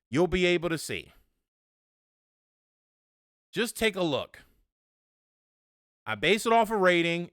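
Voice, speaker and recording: A man hosting a sports podcast, talking casually with animated, annoyed rhetorical questions. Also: on the high side, smooth, no room sound, clean studio sound. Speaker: podcast host.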